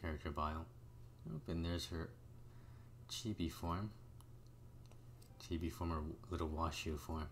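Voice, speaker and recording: A man's voice: extremely low pitch, fairly even intonation, unhurried, pauses often, slight background noise. A man doing casual video game commentary, reading dialogue aloud as he plays. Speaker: gamer playing through a video game.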